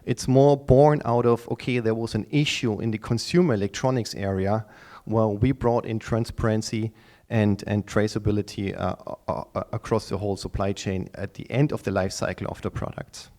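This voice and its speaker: Halting middle-aged man pitching at a conference. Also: fairly even intonation, darkish tone. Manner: halting, repeats and restarts words often. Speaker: startup pitch speaker. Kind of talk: live conference pitch to an audience.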